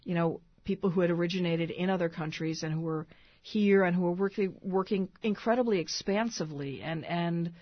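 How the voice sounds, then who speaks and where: Woman author guest, radio interview; husky and somewhat low, thoughtful, hesitant phrasing. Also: a little fast, no echo. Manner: thoughtful, many restarts and fillers. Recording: dull lo-fi radio sound.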